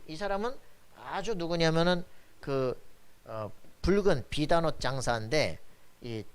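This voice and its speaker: A man preaching a sermon as pastor, emphatic and colloquial, often asking his congregation for agreement. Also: fairly high pitch. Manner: emphatic preaching with frequent "그죠?" tag questions; colloquial, blunt asides.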